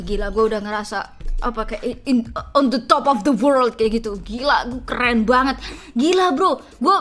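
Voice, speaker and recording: A woman, streaming as a VTuber and telling a story in an animated, dramatic, slangy way. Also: high voice. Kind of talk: casual livestream storytelling.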